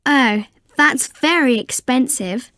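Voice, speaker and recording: A woman playing a polite shop customer in a scripted language-lesson dialogue, enunciating clearly with exaggerated intonation. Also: sits high, slow pace, fairly bright tone, no echo. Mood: polite, interested.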